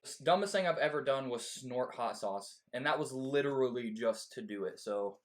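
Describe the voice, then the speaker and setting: Mid-pitched man chatting casually. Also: lively intonation, moderate pace. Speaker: challenge guest answering questions. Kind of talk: casual chat.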